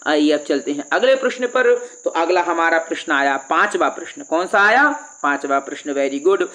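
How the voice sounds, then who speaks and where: A man teaching Sanskrit for a tenth-grade exam, reading each line slowly and then explaining it patiently, asking and answering his own questions. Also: a little high, expressive, sharp tone. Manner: reads Sanskrit lines slowly, then glosses in Hindi. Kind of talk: exam-prep lesson for students.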